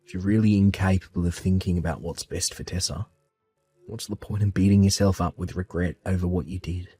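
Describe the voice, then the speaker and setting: A man calmly telling his own family story in the first person and voicing his part of the dialogue with reassuring warmth. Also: deep voice, a little fast, husky, no echo, faint music behind. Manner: calm, reassuring, heartfelt.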